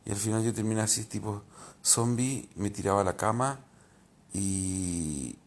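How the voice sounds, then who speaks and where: A man's voice: fairly low pitch, unhurried, vocal fry. A man, a rabbi giving an informal spiritual talk, candid and reflective, often hesitating and restarting.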